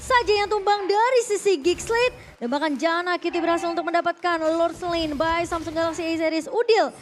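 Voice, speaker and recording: A woman's voice: very high-pitched, brisk, a little hiss or hum. A woman with an Indonesian accent giving live esports commentary and analysis in long, flowing, explanatory sentences.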